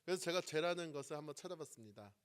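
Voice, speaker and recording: Male pastor, sermon, fairly high voice, loud emphatic phrases, soft trailing endings. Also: lively intonation, very fast. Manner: asks the congregation questions and waits for replies.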